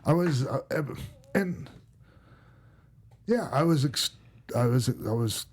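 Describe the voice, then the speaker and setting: A middle-aged man with a Minnesota accent tells old stories on a podcast. He rambles, circles back and fills gaps with ums and you-knows. His voice sits at an everyday pitch. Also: expressive, slow, a little mellow. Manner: rambling, many restarts and fillers. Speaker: podcast host and former wrestler. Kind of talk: casual podcast storytelling.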